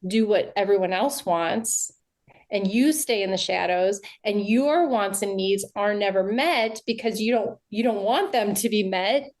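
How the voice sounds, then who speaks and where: An older woman appears as a guest on a casual podcast interview over a video call, speaking earnestly and reflectively with frequent restarts. Her medium-pitched voice is unhurried, with a darkish tone.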